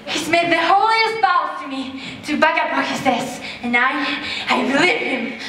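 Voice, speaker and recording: A woman's voice: high-pitched, a little slow, pushed and bright. A woman playing an earnest, lovestruck young daughter who protests innocently in a comic stage play. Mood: pleading. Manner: pleading, defensive. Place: theater stage, indoors. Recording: very echoey theater stage, distant mic.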